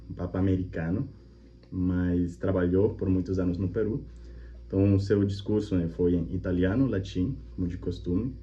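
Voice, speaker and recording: With a low, dark voice, a Colombian language teacher and channel host talks through a casual reaction video in a friendly, explanatory way. He repeats his examples and often checks in with "né?", and a faint hum runs under the slightly muffled recording.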